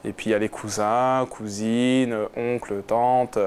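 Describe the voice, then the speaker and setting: A man's voice: mid-range voice, little pitch movement, unhurried, a little mellow, a little hiss or hum. A man in his twenties, a football player, answering interview questions casually and hesitantly, with many fillers and restarts. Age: 20s. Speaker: footballer guest.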